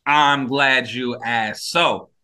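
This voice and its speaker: Bright-voiced laid-back male podcaster. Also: mid-range voice, very slow, clear, resonant tone. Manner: laid-back, rambling, swears casually. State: high. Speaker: podcast co-host. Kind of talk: casual podcast chat.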